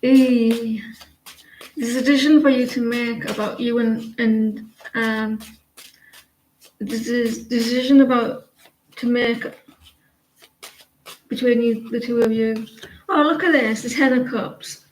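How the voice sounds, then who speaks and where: A woman giving a casual live tarot reading, chatty and halting, often trailing off and restarting. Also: fairly high pitch, steady tone, darkish tone. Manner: chatty, halting, sings snatches of songs between readings. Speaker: tarot reader. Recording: echoey room, faint noise.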